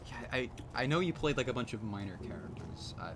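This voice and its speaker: A man's voice: mid-range voice, a little fast. A young man hosting a game stream, chatting casually in a rambling, joking, self-deprecating way. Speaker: host and mod creator. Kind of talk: casual chat while playing a game. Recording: steady background noise.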